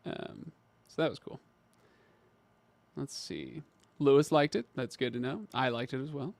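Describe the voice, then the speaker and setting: A man with a gravelly, mid-pitched voice chats casually on a livestream, stumbling over restarts before landing his points. The sound is close and dry, with no room in it. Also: big pitch swings, measured pace, darkish tone, dry recording. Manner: hesitant, many restarts, reads out viewer comments. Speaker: livestream host.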